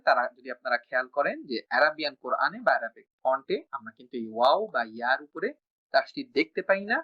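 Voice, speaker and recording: A man teaching Quran recitation rules in an online class, slowly chanting example words between explanations. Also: fairly high pitch, muffled recording. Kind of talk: online tajweed lesson.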